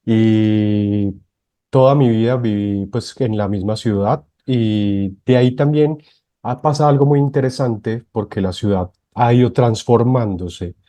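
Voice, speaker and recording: A man from Medellín with a Colombian accent, a branding expert talking calmly as a podcast guest. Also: fairly low pitch, measured pace, dry recording. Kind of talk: podcast interview.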